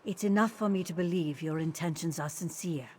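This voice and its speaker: An actress voicing a dignified, shrewd fantasy queen in a video game, speaking in a formal, deliberate manner. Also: on the low side, a little mellow, husky. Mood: grave, firm. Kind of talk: video game character dialogue.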